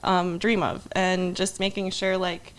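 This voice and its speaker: A woman's voice: lowish voice, level tone, measured pace, smooth. A young woman from Indonesia, a podcast guest talking casually, rambling with lots of "um" and "like" and frequent laughs. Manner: rambling, many "um" and "like", laughs often. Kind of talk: casual interview chat.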